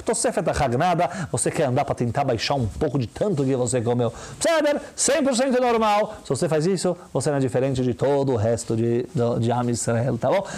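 A man with a Brazilian Portuguese accent giving a lively religious talk, full of rhetorical questions and quick mimicry. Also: mid-range voice. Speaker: religious teacher. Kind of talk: lively sermon-style talk.

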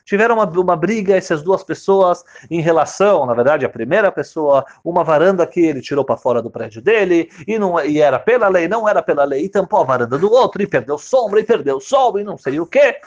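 A man giving a sermon, telling stories and acting out the voices in them with sudden loud, high cries. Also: animated, fast talker, hardly any pauses. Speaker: religious teacher. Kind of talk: sermon with storytelling. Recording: dull lo-fi recording.

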